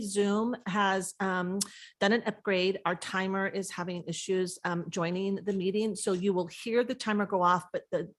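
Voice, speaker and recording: A woman serving as meeting clerk, making procedural announcements in a matter-of-fact way. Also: fairly low pitch.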